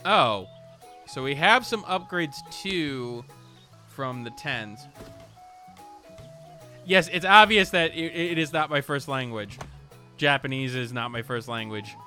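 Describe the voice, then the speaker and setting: A man hosting a gaming video gives casual, off-the-cuff let's play commentary, rambling, interrupting himself as he thinks aloud, and reading game text out loud. His medium-pitched voice has lively intonation and a bright, forceful tone. He speaks slowly with long pauses, and faint music plays behind him.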